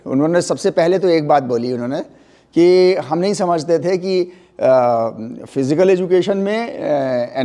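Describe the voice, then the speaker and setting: A man's voice: fairly high pitch, dark tone. A middle-aged man lecturing an anatomy class, mixing Hindi and English and often checking that students follow. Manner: mixes Hindi and English, spells terms letter by letter; stresses pronunciation, asks checking questions. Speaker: anatomy teacher.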